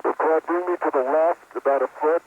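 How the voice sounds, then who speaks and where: Man, working astronaut, higher-pitched task talk on tinny, hissing astronaut radio. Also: steady tone, fairly quick. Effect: space-to-ground radio. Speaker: spacewalking astronaut. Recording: tinny noisy spacesuit radio link.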